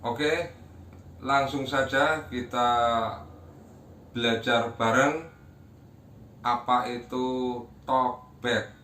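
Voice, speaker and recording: A man's voice: medium pitch, pushed and bright. A man presenting a tutorial, explaining things to viewers in an instructional, polite way. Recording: roomy echo, distant mic, faint noise.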